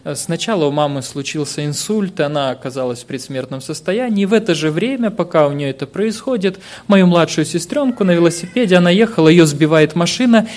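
A man delivers a sermon in an earnest, heartfelt voice that sits somewhat high for a man. He slips in hesitant fillers as he tells of his own hardships and speaks to the congregation. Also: expressive, a little fast, few pauses, darkish tone. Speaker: preacher.

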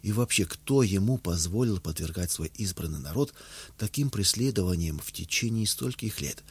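A man reading a memoir aloud as an audiobook narrator, in a steady, measured way. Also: low-pitched, husky.

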